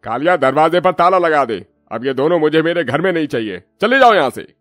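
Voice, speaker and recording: Man as a cartoon villain landlord, loud barking bully, dry close mic, faint music. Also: fairly high pitch, big pitch swings, brisk, no echo, voice pushed up. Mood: harsh. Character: cruel greedy male landlord, harsh and domineering. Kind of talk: cartoon story voice acting.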